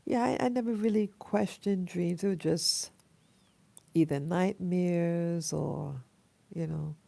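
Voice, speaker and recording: Speaking haltingly and reflectively, a woman in her late fifties from Queens, New York City, records a casual personal dream-journal vlog in her American accent. Her voice is hoarse because she just woke up, and it sits on the low side with a mellow quality. There's no room sound.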